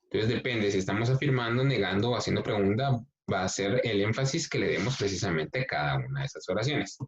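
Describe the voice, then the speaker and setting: A male English teacher, explaining a workbook lesson slowly, step by step, and reading the exercises aloud. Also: on the low side, expressive. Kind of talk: recorded class explanation. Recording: dull lo-fi recording.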